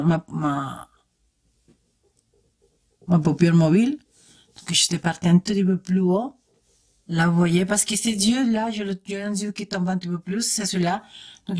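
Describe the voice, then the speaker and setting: A woman's voice: mid-range voice, darkish tone. Chatty woman doing a makeup tutorial. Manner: chatty, talks straight to viewers while working; enthusiastic exclamations. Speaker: beauty vlogger. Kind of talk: casual makeup tutorial chat.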